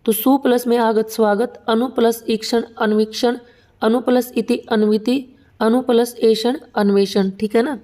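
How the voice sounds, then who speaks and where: A woman's voice: on the high side, steady tone, moderate pace, dark tone. Patient woman teaching Hindi grammar. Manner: patient, explains step by step with repeated checks. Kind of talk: exam-prep lesson at a whiteboard.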